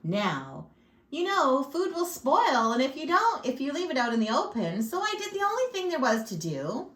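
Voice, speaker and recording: A sly, chatty wolf, read out by a woman, pleads his innocent case in a storybook telling, his voice swooping up and down with folksy flair and big theatrical sneezes. The voice sits fairly high and rings through an echoey room. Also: wildly swooping pitch, normal speed, a little hiss or hum. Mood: sly, aggrieved. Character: chatty self-pitying male wolf storyteller.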